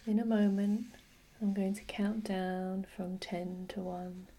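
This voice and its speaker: A woman whispering a slow, soothing guided relaxation with gentle repetition. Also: mid-range voice, monotone. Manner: soft unvoiced whisper. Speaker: hypnosis guide.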